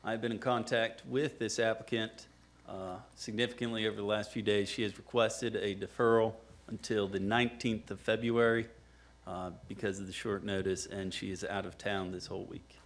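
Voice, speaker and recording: A man's voice: fairly low pitch, steady tone, moderate pace. A man giving a factual staff report at a meeting. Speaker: city staff member.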